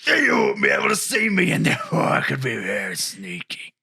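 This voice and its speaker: A man's voice: mid-range voice, wildly swooping pitch, brisk, voice pushed down, heavily acted. A man growling as a boastful brawling ork warrior. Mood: shouting. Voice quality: gravelly, growling. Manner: brash and loud, fond of shouting boasts. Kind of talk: improvised in-character debate.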